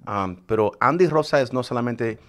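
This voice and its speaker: An energetic man from Puerto Rico hosts a bilingual radio interview. He talks at a medium pitch and switches easily between Spanish and English. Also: moderate pace. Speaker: radio show host.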